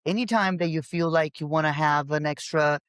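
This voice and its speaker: A woman's voice: deep voice, fairly quick, no echo. Emphatic woman host, very dry sound. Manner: emphatic, animated, restarts mid-sentence. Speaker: podcast host and bodybuilding coach. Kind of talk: casual podcast conversation.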